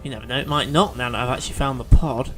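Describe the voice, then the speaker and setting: A let's play host chats through a video game as he plays, speaking rapid-fire in a medium-pitched, slightly bright voice. He thinks aloud with fillers and restarts, with soft music in the background.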